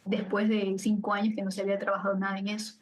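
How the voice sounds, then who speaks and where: A woman's voice: medium pitch, fast, rough recording. Laughing woman guest. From Ecuador. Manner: laughs easily, lively asides. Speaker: guest scientist. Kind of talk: casual podcast chat.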